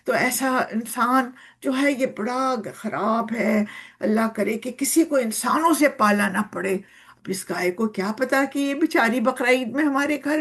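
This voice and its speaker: A woman with a Pakistani Urdu accent teaching a poem to children, storytelling in an animated way and asking them questions. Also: sits high. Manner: animated, voices the cow's complaints and asks children questions.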